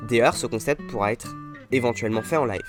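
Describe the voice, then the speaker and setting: A man's voice: medium pitch, fast talker. A young man narrating his own gameplay in an upbeat, self-mocking voice-over. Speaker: gaming YouTuber. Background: game music.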